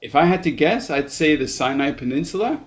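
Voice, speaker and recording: A man hosting a podcast in casual chat, halting and repeating words as he thinks. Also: fairly high pitch, expressive. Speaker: podcast host.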